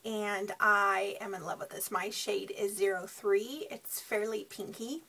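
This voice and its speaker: A woman giving a casual beauty product demo, sounding tired and sleep-deprived, with a husky, creaky voice. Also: mid-range voice, steady tone, unhurried, pushed and bright. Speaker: beauty reviewer.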